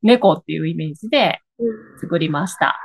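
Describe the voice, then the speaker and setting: A woman's voice: deep voice, lively intonation, moderate pace, vocal fry, breathy edge. A woman from Osaka with an Osaka accent, explaining things casually in a hesitant way with small self-corrections. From Higashiosaka, Osaka, Japan. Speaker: guest, coffee bean shop owner. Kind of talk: casual interview conversation. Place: at home, on a video call.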